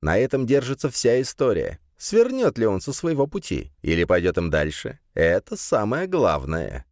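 A man doing a calm, enigmatic commissioner. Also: lowish voice, no echo, clean studio sound. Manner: calm, unhurried, measured.

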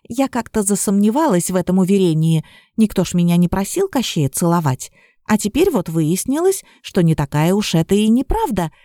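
A woman reading a fairy-tale audiobook in the first person, in an even storytelling manner. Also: mid-range voice, no room sound, clean studio sound. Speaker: audiobook reader.

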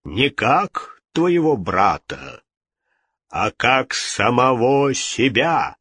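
A grave voice from beyond the grave, put on by a man reading an audiobook, drawing out each word very slowly. The tone is husky and dry, close to the mic, with a low, flat weight. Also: no echo, heavily acted. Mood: solemn. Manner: slow, grave, pronouncing. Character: solemn ghostly male voice from the dark.

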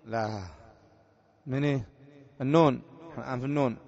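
A man's voice: mid-range voice, fairly even intonation, normal speed, creaky, darkish tone. Sheikh quizzing his grammar class. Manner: repeats points and quizzes students with short questions. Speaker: sheikh teaching Arabic grammar. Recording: dull lo-fi lecture recording.

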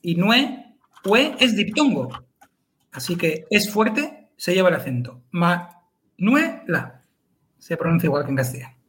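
A man's voice: high voice, big pitch swings, normal speed, fairly bright tone. A man, co-hosting a podcast chat and explaining pronunciation carefully, syllable by syllable. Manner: careful and methodical, spells out syllables.

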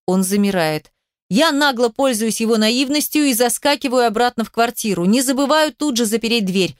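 A woman's voice: a little high, animated, normal speed, dry recording, clean studio sound. A woman reading a first-person story aloud in a wry, sarcastic way. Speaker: narrator. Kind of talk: first-person audiobook narration.

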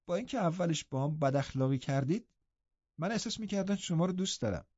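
A man voicing an eager, lively teenage girl in an audiobook, with a high girlish put-on voice and an excited, chattering manner. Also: no room sound. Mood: delighted. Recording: dull, dry audiobook recording.

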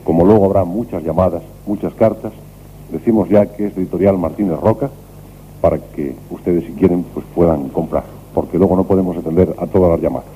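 Locutor de radio nocturna: voz grave y oscura, tono pausado, grabación antigua con ruido. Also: male voice, low voice, mellow. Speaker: radio host. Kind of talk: late-night radio talk. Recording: noisy old radio recording.

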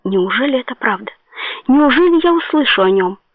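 A woman's voice: high voice, expressive, a little fast, no echo. Woman reading an anguished young heroine, storybook, defiant, thin phone-like audio. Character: desperate young woman defying a captor. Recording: tinny phone-like dry sound.

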